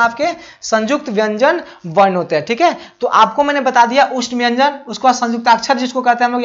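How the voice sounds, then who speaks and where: A man's voice: very high-pitched, fairly bright tone. A male teacher explaining grammar for a board exam. He keeps asking questions and answering them himself, and checks often that the students follow. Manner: affectionate address to students. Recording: muffled lo-fi audio.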